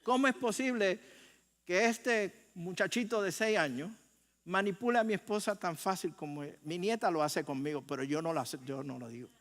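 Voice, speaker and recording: Older Puerto Rican pastor, high voice, chatty sermon with rhetorical questions, long church reverb. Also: male voice, moderate pace, a bit bright. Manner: conversational preaching with rhetorical questions and humor. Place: church sanctuary.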